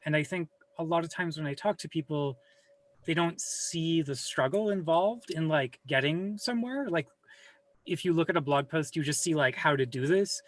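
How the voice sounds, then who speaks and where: This speaker has a mid-range voice at a moderate pace, with no echo in the recording. They're a guest on a video call, talking casually from a home room that holds a server rack, rambling along with self-deprecating remarks and casual swearing.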